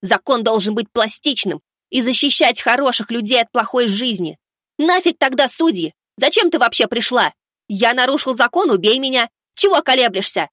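A stubborn young boy with a high, keyed-up voice, hurling indignant words at an authority figure, as a man puts him on. His tone is righteous and defiant, and the sound is dry and close. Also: lively intonation, moderate pace, no room sound, exaggerated voice. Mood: furious. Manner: indignant, shouting back at authority.

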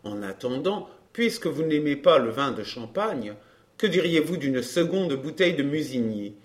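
A man voicing a suave, self-assured wealthy baron who teases and stays smooth. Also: a little high, expressive, normal speed, lightly acted. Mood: amused. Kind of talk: audiobook dialogue.

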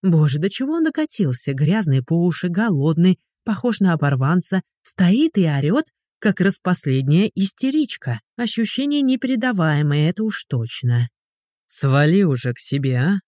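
Expressive audiobook narrator, pitch swings a lot, dry close sound. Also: normal speed, few pauses, no room sound. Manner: expressive, dramatic reading.

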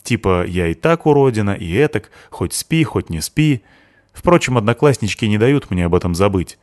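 A man's voice: on the low side, lively intonation, normal speed, a little mellow, dry recording, studio quality, natural voice. A man voicing a sarcastic teenage girl. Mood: bitter. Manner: bitter, sarcastic. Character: sullen sharp-tongued teenage girl, seventeen.

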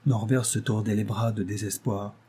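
A man narrating a novel in a measured, dramatic reading. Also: lowish voice, steady tone, warm tone, slightly rough. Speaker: audiobook narrator.

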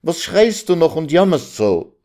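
A man's voice: a little high, very animated, a little slow, warm tone, voice pushed up. Male reader doing a meek, anxious husband, pleading, raised voice.

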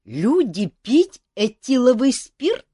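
A woman's voice: fairly high pitch, very animated, mellow, breathy edge, no room sound, clean studio sound, pitched above the performer's own voice, heavily acted. A woman voicing a curious, childlike female dragon who speaks in broken sentences. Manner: broken grammar, slow wondering questions.

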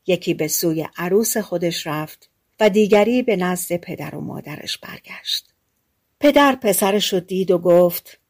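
A woman reading a fairy tale aloud as an audiobook narrator, giving the characters' lines within the story. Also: fairly low pitch.

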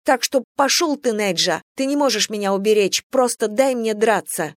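An audiobook narrator voices a defiant, wounded young woman soldier who insists on fighting. The woman's medium-pitched voice is animated and moderately paced, pitched above her own voice yet close to an everyday one. The recording is dry and studio quality.

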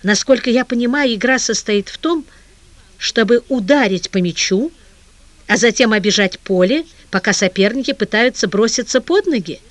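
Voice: medium pitch, lively intonation, normal speed, no echo, lightly acted. An audiobook reader voicing a shaken young female reporter who trembles on the edge of hysterics. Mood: agitated. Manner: trembling, fragile, close to hysterics. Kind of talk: audiobook character reading.

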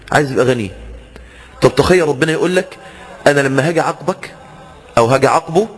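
A man's voice: a little high, a bit bright, breathy edge, big-room sound. A man with an Egyptian accent preaching a sermon, asking rhetorical questions and acting out the people he quotes. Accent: Egyptian Arabic. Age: young adult.

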